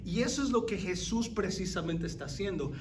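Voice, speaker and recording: A man leading an interactive sermon as pastor, animated, quizzing his listeners and dropping English phrases. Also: sits high, a little fast, echoey room, far from the mic, a little hiss or hum. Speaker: pastor leading a Bible study.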